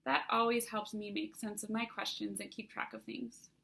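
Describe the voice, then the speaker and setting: A woman voicing a cheerful, bubbly teenage girl with telepathic powers in an audiobook reading, speaking brightly and eagerly. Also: medium pitch, flat delivery, normal speed, vocal fry.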